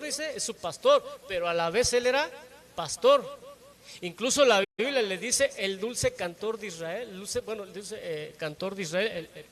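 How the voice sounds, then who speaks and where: High-voiced man preaching a sermon. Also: a bit bright. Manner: frequent tag questions to the congregation; teaching tone with rhetorical questions.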